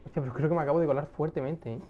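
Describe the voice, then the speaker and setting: A young man giving casual gameplay commentary, excitable, swearing often and talking to himself as he plays. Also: on the high side, very fast, phone-quality sound, slight background noise. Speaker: gaming streamer.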